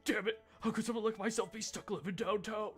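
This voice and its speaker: A woman's voice: mid-range voice, fairly even intonation, quick pace, soft background music, pitched above the performer's own voice, lightly acted. A woman voicing a weary, complaining downtown slum dweller as she reads game dialogue. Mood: grumbling. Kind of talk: video game dialogue read aloud by a streamer.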